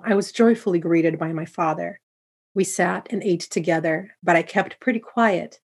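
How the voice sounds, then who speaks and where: A woman narrating a first-person folktale in a steady, descriptive way. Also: lowish voice, husky. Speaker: storyteller.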